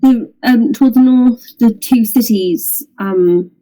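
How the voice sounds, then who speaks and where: Hesitant, slow-talking young woman player. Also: fairly high pitch, warm tone, faint music behind, rough recording. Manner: hesitant, halting, full of pauses and ums. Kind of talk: in-character tabletop roleplay.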